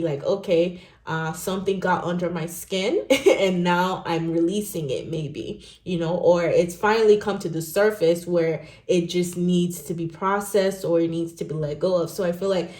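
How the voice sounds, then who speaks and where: A Nigerian woman who speaks English as a second language gives a casual tarot reading to viewers. Her fairly low voice is chatty and animated, and she often tags sentences with "okay?" and "right?". The recording has a roomy echo.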